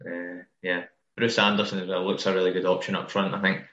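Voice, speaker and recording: Low-voiced man in an echoey room. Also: brisk. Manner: relaxed, hedging with "I think". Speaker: podcast co-host. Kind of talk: casual fantasy football podcast chat. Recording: roomy, dull lo-fi audio.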